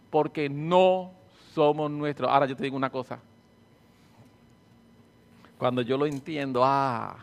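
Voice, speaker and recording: A man preaching a sermon and leading prayer. He repeats phrases fervently, calls out listeners by name, and swings between hushed and loud delivery. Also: sits high.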